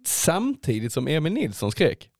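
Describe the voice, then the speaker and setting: A man co-hosting a podcast in casual chat, speaking in a measured, hesitant way. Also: on the high side, huge pitch swings, vocal fry, a little mellow, no room sound, clean studio sound. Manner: hesitant, many fillers and restarts, measured. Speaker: podcast co-host.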